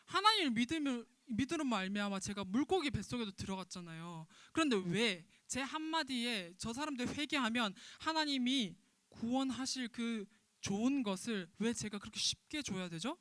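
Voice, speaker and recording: An indignant prophet played by a woman wails his loud, whiny protests in a dramatized Bible story for children. The tone is bright and sharp, and the sound is close and dry with no room around it. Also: a little high, lively intonation, normal speed, hardly any pauses, no room sound. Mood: complaining. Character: indignant, sulking male prophet Jonah.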